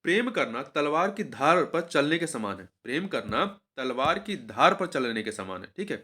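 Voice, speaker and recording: A man with a fairly high, slightly rough voice leads a steady exam-prep walkthrough at a moderate pace. He goes through each answer, repeats it twice, and keeps quizzing the viewer.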